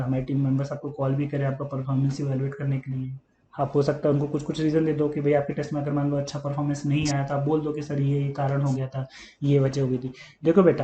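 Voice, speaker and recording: A man's voice: fairly high pitch, warm tone. A man teaching chemistry to exam students, earnest and coaxing, often calling them "beta" and repeating his points on his words. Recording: echoey room with faint hum.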